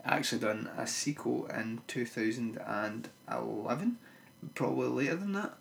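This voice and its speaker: Gravelly man with a broad Scottish accent. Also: mid-range voice, moderate pace, a little hiss or hum. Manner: blunt, sweary. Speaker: podcast co-host. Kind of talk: casual chat about films and music.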